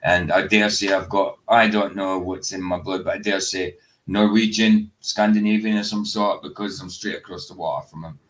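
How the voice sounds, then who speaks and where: A man's voice: deep voice, steady tone, moderate pace, a bit bright. Chatty Scottish man hosting a stream. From northeast Scotland. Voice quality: chatty and rambling, laughs often. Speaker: livestream host. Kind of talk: casual chat.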